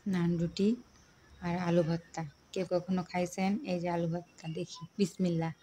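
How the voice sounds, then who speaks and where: A woman vlogger from Rangpur, Bangladesh, talking softly and casually to the camera at a meal at home. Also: on the low side, level tone, moderate pace, a little hiss or hum. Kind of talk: casual chat to camera while eating.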